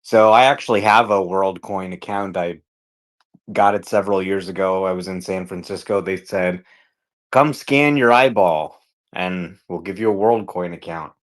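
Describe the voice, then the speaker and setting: A man with a fairly low voice speaks as a panel guest at a moderate pace. He's casual and explanatory, laying ideas out in plain terms and posing rhetorical questions.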